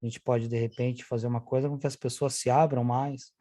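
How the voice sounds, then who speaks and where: A man's voice: mid-range voice, level tone, a little fast, warm tone, no echo, studio quality. A man with a Brazilian accent in a Bible study discussion, speaking thoughtfully and trailing off mid-sentence. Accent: Brazilian Portuguese. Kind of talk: casual discussion.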